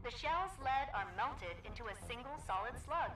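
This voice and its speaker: A woman voicing a calm female facility AI guide with a gentle synthetic care-robot voice, giving even, instructional directions. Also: fairly high pitch, moderate pace. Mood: calm guiding. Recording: roomy, distant, with game music.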